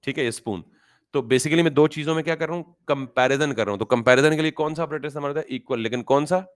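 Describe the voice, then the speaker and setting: A man's voice: on the high side, fast talker. A man teaching a beginner coding class. He explains with everyday examples, mixes in English terms, and keeps asking his students questions and answering them himself. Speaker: programming teacher. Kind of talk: classroom-style coding lesson.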